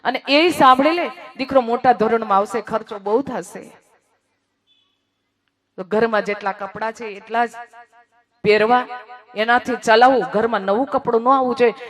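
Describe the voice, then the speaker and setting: A speaker telling an emotional moral story, swinging between hushed passages and raised, emphatic lines and repeating phrases for effect. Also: medium pitch, moderate pace, long pauses.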